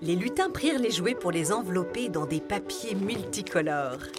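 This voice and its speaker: A woman narrating a children's story in a gentle, expressive way. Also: on the low side, normal speed. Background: music.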